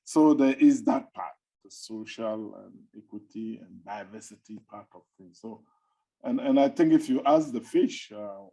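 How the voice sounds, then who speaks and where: A middle-aged male academic speaks on an online panel with a husky, slightly breathy voice. His tone is dark and mellow. He talks conversationally and drifts into playful asides. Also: medium pitch, measured pace, poor audio. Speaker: academic fisheries researcher, webinar panelist. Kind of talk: webinar talk.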